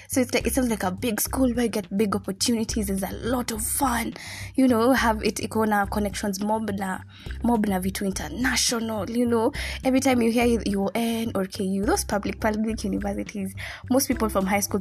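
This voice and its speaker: A woman in her twenties from Kenya with a Kenyan accent, telling personal stories in a casual, animated, giggly and informal way. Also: mid-range voice. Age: 20s. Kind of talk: casual storytelling chat mixing English and Swahili.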